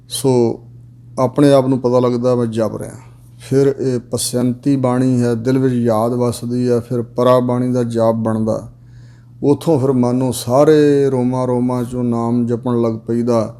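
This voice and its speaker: A man preaching in a mellow, dark voice at a middle pitch. He chants each scripture line slowly and then explains it in a steady, plain way. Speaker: Sikh preacher giving scripture commentary. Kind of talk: sermon with recited verses.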